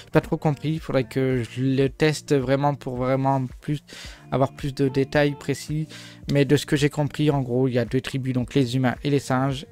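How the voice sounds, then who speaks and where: Speaking at a medium pitch, a French-native man hosts a gaming video, loosely wandering through game overviews with jokes, lots of fillers, and frequent restarts.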